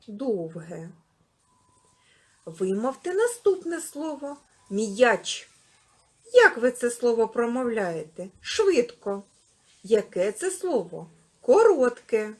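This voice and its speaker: Husky woman teaching preschoolers. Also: a little high. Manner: lively, sing-song address to small children. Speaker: kindergarten teacher. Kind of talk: literacy lesson for preschoolers.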